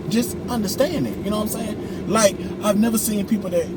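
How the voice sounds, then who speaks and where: A man in his forties ranting casually in a car, animated, profane and emphatic. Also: high-pitched, brisk. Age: 40s. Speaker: vlog co-host. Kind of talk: casual rant. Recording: loud car and road noise.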